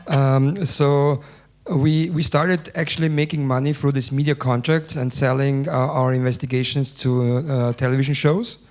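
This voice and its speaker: A man's voice: medium pitch, darkish tone. A man speaking as a newsroom founder on a panel, answering hesitantly and reflectively. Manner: hesitant, reflective, clears throat.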